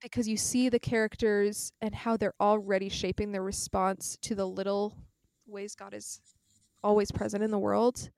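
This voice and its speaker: A woman co-hosting a podcast, earnest and measured, who also reads scripture aloud. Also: mid-range voice, level tone, vocal fry, a little mellow, no echo, clean studio sound. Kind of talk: conversational discussion, reading scripture aloud.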